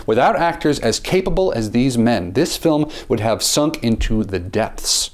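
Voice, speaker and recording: A man reads a scripted film review with theatrical flair. His pitch leaps and swoops all over, and he slows right down to stress key words. His voice sits at a middle pitch. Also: animated, darkish tone. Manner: theatrical, with dramatic pitch swings and slowed emphasis; repeats words at the start of phrases.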